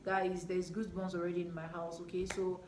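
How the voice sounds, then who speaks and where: A woman's voice: on the low side, flat delivery, a little fast, a little mellow, slight background noise. Earnest woman in a roomy home. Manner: earnest, rambling, repeats herself. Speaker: vlogger. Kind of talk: storytime vlog with faith testimony. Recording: roomy home recording, faint ambience.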